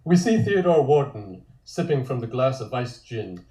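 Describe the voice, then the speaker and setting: Very animated yet moderately paced, a man with a warm, medium-pitched voice narrates stage directions for a table read, tossing in dry, wry comments. He joins a multistream call from an indoor room, and the home recording sounds roomy and echoey.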